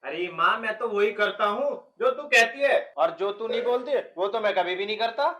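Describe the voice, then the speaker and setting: An actor playing a hot-tempered young village husband, who scolds loudly and shouts in exasperation. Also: male voice, high-pitched, normal speed. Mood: bickering. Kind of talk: rural comedy film acting.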